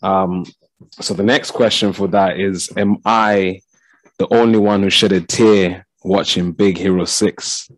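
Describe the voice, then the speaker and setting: Slow, low-voiced male spoken-word poet. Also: steady tone, dry recording, poor audio.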